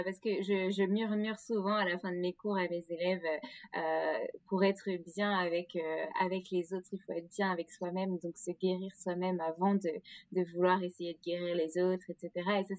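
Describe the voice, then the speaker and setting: A woman's voice: on the low side, darkish tone, no room sound. A woman hosting a podcast interview, talking hesitantly with many fillers and restarts. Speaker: podcast host. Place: remote call.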